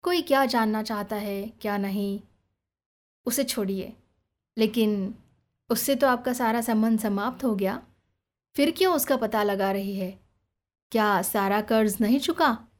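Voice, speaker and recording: A woman's voice: medium pitch, unhurried, long pauses, natural voice. A woman voicing a cool young man who questions in a probing, faintly mocking way.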